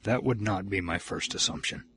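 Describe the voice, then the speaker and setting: A man's voice: deep voice, breathy edge. A man co-hosting a podcast, reacting and chatting casually through a movie commentary. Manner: animated, chatty, quick reactions. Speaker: podcast co-host.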